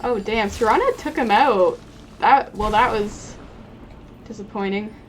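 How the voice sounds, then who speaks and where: Over noisy stream audio, a young woman with a mid-range voice streams a game at an unhurried pace. She chats casually, swears, and talks to the characters as she plays.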